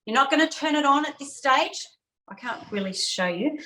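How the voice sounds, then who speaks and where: Aussie lady running a kids cooking class on a video call, chatty and a bit high, says things twice. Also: lively intonation, moderate pace, sharp tone, rough recording. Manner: chatty, repeats key steps, frequent fillers. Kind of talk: online cooking lesson.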